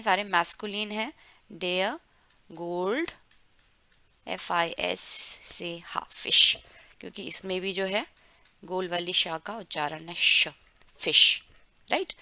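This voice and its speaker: A woman explains German words to learners, stretching each word out and repeating it for pronunciation. Her voice is bright and crisp, and she speaks slowly. The sound is close and dry, with no room around it. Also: mid-range voice, dry recording. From India. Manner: drawn-out, careful word-by-word pronunciation drills. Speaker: German language teacher. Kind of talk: explaining vocabulary to learners, mixing Hindi and English.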